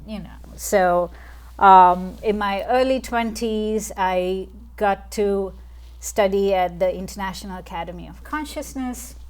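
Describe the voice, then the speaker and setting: A woman in her forties from Sri Lanka, a guest in an interview, speaking in a soft, reflective way with many pauses and fillers. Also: lowish voice. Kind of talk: casual interview.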